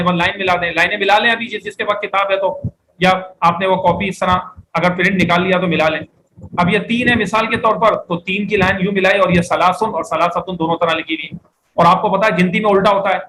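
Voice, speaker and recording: Male classroom teacher with a high, bright voice. Explains step by step and quizzes the room. Faint background noise. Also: fairly even intonation, rough recording. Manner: explains step by step, often asks the class questions; reads Arabic phrases slowly for students to repeat. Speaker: Arabic teacher. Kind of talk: classroom lecture.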